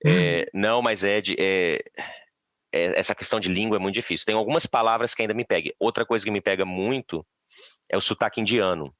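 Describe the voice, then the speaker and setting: A man's voice: fairly low pitch, fairly quick, a bit bright, no room sound. A Brazilian man chatting on a podcast, telling stories with many restarts. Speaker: podcast guest. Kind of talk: casual podcast chat.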